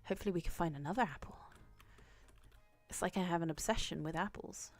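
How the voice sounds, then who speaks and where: A woman's voice: fairly low pitch, quick pace. A woman livestreaming a game from home, chatty and bubbly, thinking aloud and greeting her viewers in the chat. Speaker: livestreaming gamer. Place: at home with a cat on her lap. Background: faint game music.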